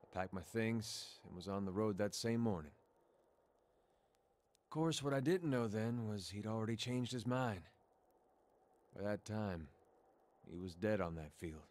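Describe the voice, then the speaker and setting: An actor playing a weary grown soldier in video game dialogue, speaking quietly and plainly as he reflects on his dead brother. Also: lowish voice, measured pace, pauses often, close to an everyday voice. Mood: somber. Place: game audio captured in a gameplay recording.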